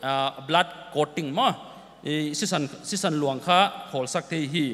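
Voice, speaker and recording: A man's voice: fairly high pitch, moderate pace, fairly bright tone. A man giving an informational talk at a festival, explaining and listing nutrients and health terms. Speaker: festival speaker. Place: large hall. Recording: long hall reverb.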